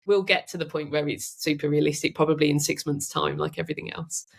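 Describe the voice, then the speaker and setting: A woman guest on a podcast who chats in a lively way and often laughs. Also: sits low, quick pace, creaky, breathy edge. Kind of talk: casual interview chat.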